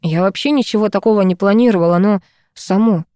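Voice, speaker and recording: A woman's voice: medium pitch, brisk, dark tone, clear, resonant tone, no echo, clean studio sound, close to an everyday voice. A woman reading an audiobook, voicing a meek, guilty young man who mumbles his apologies.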